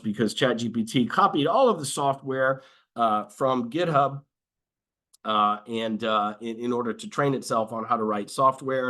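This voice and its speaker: A man's voice: mid-range voice, fairly bright tone. Conversational man explaining, full of fillers. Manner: dry sarcastic asides. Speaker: lawyer presenter. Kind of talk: webinar presentation.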